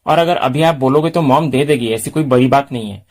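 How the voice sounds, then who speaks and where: A modern young woman who explains herself calmly and a little defensively, read out by a male reviewer. It is read plainly, close to his own voice. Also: mid-range voice, a little fast, close to an everyday voice. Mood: explaining.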